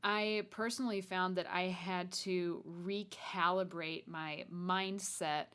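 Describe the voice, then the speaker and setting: A woman's voice: on the low side, fairly even intonation, slow pace, a bit bright, clean tone. A young adult woman hosting a podcast solo, talking casually and chattily, straight to the listener. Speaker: podcast host. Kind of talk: conversational solo podcast monologue.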